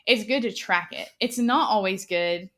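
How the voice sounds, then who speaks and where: A woman's voice: mid-range voice, moderate pace, fairly bright tone. A woman in her twenties hosting a podcast, chatting casually with lots of fillers. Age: 20s. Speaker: podcast host. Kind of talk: casual chat.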